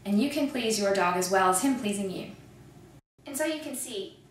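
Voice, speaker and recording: A woman presenting a product in a persuasive, upbeat infomercial sales pitch. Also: expressive, normal speed, a little hiss or hum. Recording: echoey room, mic at a distance.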